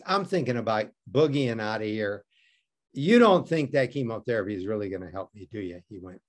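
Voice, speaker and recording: Guy from detroit telling a story, lively up and down voice, dry jokey delivery. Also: medium pitch. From Detroit, United States. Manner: animated, wry and self-mocking, acts out voices in his story. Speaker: interview guest. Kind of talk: humorous personal storytelling.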